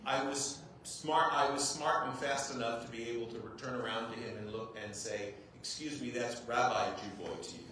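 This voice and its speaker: This rabbi speaks in a pushed, bright, medium-pitched voice, steady in tone at a moderate pace with hardly any pauses. Originally from the United States and a native English speaker, he gives a casual talk to a group in a large echoey room, poking fun at himself and asking "right?" often. A distant clip-on mic records the very echoey hall with faint noise.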